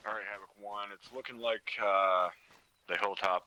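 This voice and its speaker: Deep voiced guy giving squad orders in a mil sim, flat but really punchy, swears casually. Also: moderate pace, dull audio. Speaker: squad leader in a military simulation game. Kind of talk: game radio orders, casual military briefing.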